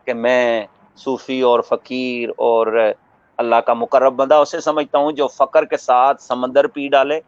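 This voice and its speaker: A man giving a religious talk as a scholar, preaching in a measured way, quoting Arabic verses and explaining them with everyday examples. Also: medium pitch, flat delivery, dry recording. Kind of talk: religious talk on a radio broadcast. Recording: muffled radio broadcast audio.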